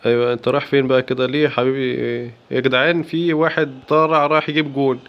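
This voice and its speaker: A man with an Egyptian accent giving excited, playful commentary while playing a football video game. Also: mid-range voice, very fast, smooth, dull audio. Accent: Egyptian Arabic. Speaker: gaming YouTuber. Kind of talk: live gameplay commentary.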